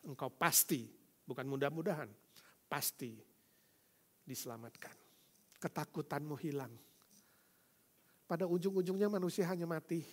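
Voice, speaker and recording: Male pastor, sermon, high voice, loud exclaiming, soft pleading, acted-out quotes. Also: normal speed, long pauses. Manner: acts out quoted voices in his storytelling.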